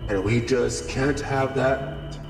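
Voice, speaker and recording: A streamer reading a visual novel aloud through a voice changer, voicing an eccentric narrator obsessed with the color red in a slow, dreamy way. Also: mid-range voice, steady tone, gravelly, pitched below the performer's own voice. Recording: roomy reverb with music behind.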